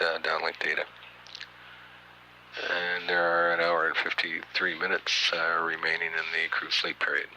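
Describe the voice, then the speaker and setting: A man giving matter-of-fact mission control status commentary, halting often with uhs and pauses, on an archival radio feed. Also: rumbling low, pushed and bright, slight background noise, low-quality recording. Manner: halting, hesitant delivery with frequent uhs and pauses. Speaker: mission control announcer, public affairs commentator. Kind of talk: spaceflight status commentary, partly improvised.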